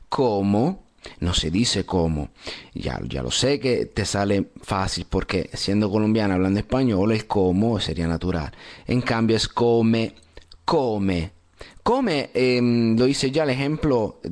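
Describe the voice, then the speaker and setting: Slow, encouraging male Italian tutor. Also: fairly low pitch. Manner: warm, encouraging, repeats words slowly to model sounds. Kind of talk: spoken pronunciation feedback message.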